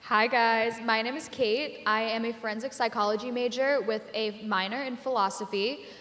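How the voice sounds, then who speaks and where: A woman's voice: a little high, steady tone, a bit bright. A young woman from Pennsylvania, a student orientation leader, introducing herself and rattling off a list. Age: young adult. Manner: quick list-like self introduction. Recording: reverberant hall.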